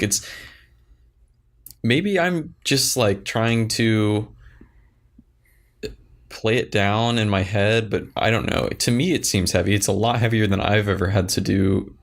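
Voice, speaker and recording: A young man co-hosting a podcast in casual chat, blunt and grumbling about people. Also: on the low side. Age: young adult. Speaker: podcast co-host.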